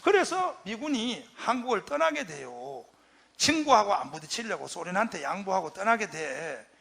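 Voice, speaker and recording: A man's voice: high-pitched, sing-song, moderate pace, gravelly, fairly bright tone, husky. A pastor giving an impassioned storytelling lecture, acting out quotes and firing rhetorical questions at his audience.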